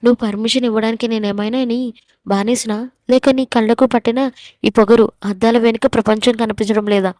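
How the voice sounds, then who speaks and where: Woman doing a feisty young woman snapping back, flat tone, dry sound. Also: a little high, a little fast, no echo, lightly acted. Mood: angry. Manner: sharp and angry retorts. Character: fiery, proud young woman, the heroine.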